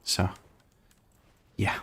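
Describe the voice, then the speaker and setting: This Croatian streamer, who speaks with an American accent, talks very slowly with a sharp tone. He hangs out casually on a live gaming stream, reading out chat messages, laughing frequently and cursing in passing.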